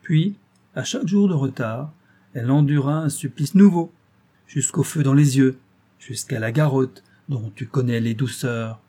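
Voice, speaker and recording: A man's voice: medium pitch, normal speed, dark tone, pitched above the performer's own voice, lightly acted. A man voicing a gloating, cruel master criminal in an audiobook, taunting and menacing. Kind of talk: audiobook reading.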